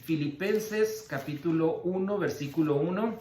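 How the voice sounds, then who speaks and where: A male pastor giving a Bible-study sermon, teaching in a steady way and slowing down to spell out and repeat key words. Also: a little high, reverberant, a little hiss or hum. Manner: teacherly, slow emphatic word-by-word explanations. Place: church.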